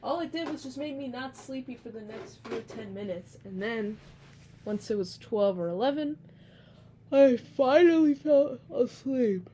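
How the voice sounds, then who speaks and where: A woman's voice: a little high, normal speed, darkish tone, a little hiss or hum. A sleepy young woman vlogging casually, rambling with lots of fillers and yawns. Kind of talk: casual vlog talk.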